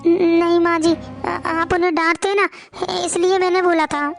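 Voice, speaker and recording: A woman's voice: very high-pitched, level tone, normal speed, faint music behind. A woman voicing a timid young daughter-in-law who stammers and hesitates. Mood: anxious.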